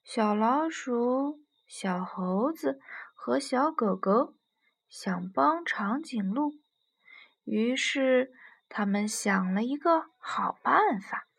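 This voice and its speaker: A young woman narrating a children's bedtime story in a gentle, soothing way. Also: fairly high pitch, lively intonation, slow pace, vocal fry, breathy edge.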